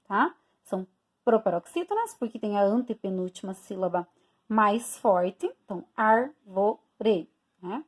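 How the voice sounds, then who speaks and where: A woman teacher from Brazil, recording a review lesson for her students and explaining each point step by step while checking in with them often. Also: a little high.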